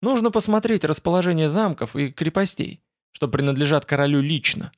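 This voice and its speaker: A male audiobook narrator voicing an old, slow-speaking, grumbling advisor in a fantasy storybook. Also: a little high, animated, lightly acted. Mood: measured, grumbling. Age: older.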